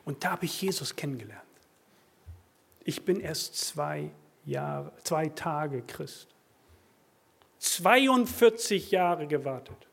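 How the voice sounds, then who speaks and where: A preacher in a church, speaking in a husky, slightly high voice. His delivery is animated, rising to loud emphatic bursts and then dropping to quiet, confiding asides. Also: takes it slowly. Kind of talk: sermon.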